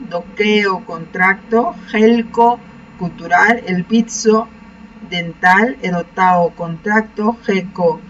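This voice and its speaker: Woman teacher, methodical, patient, careful slow pronunciation of terms, mid pitch, mic set back, muffled lo-fi sound. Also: fairly bright tone, a little hiss or hum. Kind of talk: recorded online lesson. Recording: dull, distant mic.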